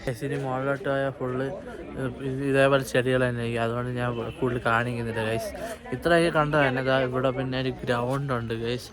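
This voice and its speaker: A man's voice: mid-range voice, fairly even intonation, fast talker, a crowd in the background, poor audio. A man with a Kerala Malayali accent chatting informally to viewers on a walking vlog, mixing in English words. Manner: informal, addresses viewers as guys constantly. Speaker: vlogger. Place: outdoors in a hill park.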